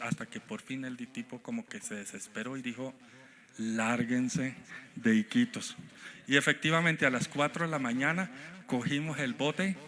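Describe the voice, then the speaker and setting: Guy preaching in church, storytelling, acts out the dialogue, gets loud on the big points. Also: medium pitch. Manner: storytelling, acting out quoted dialogue, rising to loud emphatic points. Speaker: guest preacher. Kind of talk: sermon with personal stories. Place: church sanctuary.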